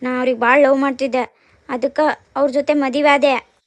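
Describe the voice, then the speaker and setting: A woman voicing a young bride in a cartoon, with a North Karnataka Kannada accent and a soft, pleading manner. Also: sits high, steady tone, moderate pace, no echo, lightly acted. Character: young bride defending her elopement. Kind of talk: cartoon dubbing.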